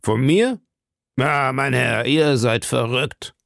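A man voicing a powerful, scheming old cardinal who speaks slowly and probingly. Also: mid-range voice, vocal fry, fairly bright tone, no room sound, clean studio sound, voice pushed up, full character voice. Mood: mild. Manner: slow, measured, probing.

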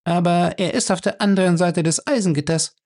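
A man voicing a calm, firm young woman in an audiobook who speaks with cool sarcasm. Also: sits high, a little fast, voice pushed up. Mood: cool ironic.

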